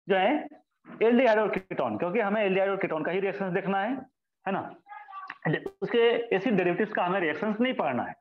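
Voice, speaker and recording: Man, chemistry teacher, high-pitched, self-answering questions, dull lo-fi echoey recording. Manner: asks questions and answers them himself; addresses students as children, repeats key terms. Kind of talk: classroom lecture.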